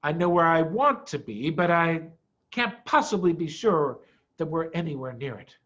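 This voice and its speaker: A man voicing a proud, excitable father fox from a storybook, theatrical and emphatic. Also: fairly high pitch, normal speed. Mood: cautious. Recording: dull, muffled lo-fi audio.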